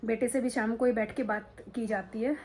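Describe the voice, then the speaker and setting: A middle-aged woman vlogs casually to camera in her drawing room, holding a phone and speaking frankly in a rambling way with lots of fillers. Her voice is fairly high and darkish, steady in tone at a moderate pace, and the poor audio carries a slight hiss or hum.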